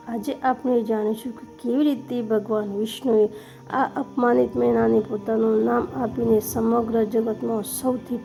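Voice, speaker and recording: Woman telling a devotional tale, gravelly and flat. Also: on the high side. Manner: steady, reverent storytelling tone. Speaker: devotional storyteller. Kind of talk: scripted devotional narration.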